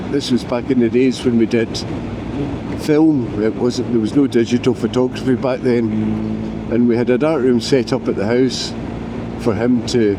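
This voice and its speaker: A middle-aged man rambles casually and self-deprecatingly as a motorcycle vlogger, talking from inside his helmet while riding. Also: medium pitch. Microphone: mic inside motorcycle helmet. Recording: helmet mic with clear engine and road noise. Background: motorbike engine and road noise.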